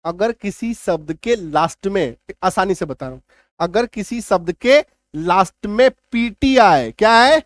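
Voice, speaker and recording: High-pitched emphatic male teacher. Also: animated, a little slow, dry recording. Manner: emphatic, repeats rules and asks "clear?". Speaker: English teacher. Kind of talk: classroom-style spelling lesson.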